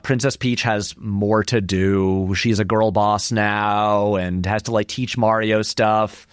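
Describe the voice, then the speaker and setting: Speaking slowly with a fairly low pitch and a steady tone, a man gives informal, discursive, emphatic commentary as an interview guest in a conversational style. He's a film critic and video essayist. The clean studio sound has a clean tone and no echo.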